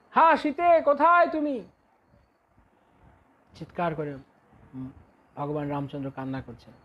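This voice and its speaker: A man preaching a devotional discourse, telling sacred stories unhurriedly and breaking into slow sung chant refrains. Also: sits high, muffled recording. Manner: unhurried storytelling with dramatic quoted cries.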